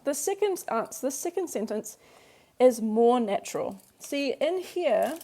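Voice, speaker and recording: A woman with a high, warm voice sounds very animated yet keeps a measured pace. English is her native language, and she guides a workbook lesson with patience, walking through each example in turn and repeating what's essential.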